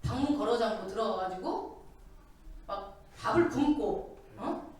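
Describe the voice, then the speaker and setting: Woman preacher, high and lively delivery, animated and questioning, booming church reverb, off-mic. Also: a little slow. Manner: animated, asks the congregation many questions. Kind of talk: sermon. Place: church sanctuary. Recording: very echoey hall, voice from a distance.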